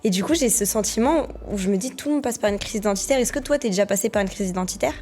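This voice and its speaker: A woman's voice: medium pitch, lively intonation, racing, darkish tone, faint music behind. A young woman hosting a podcast interview, thinking aloud, searching for her words and asking open questions. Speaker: podcast host. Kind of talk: conversational interview.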